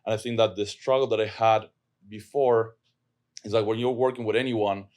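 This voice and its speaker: Speaking with an Argentine Spanish accent, this man is a property manager appearing as a guest on a casual podcast. His voice is fairly low, steady and a little mellow at a normal speed, and he sounds earnest, often repeating words while he thinks.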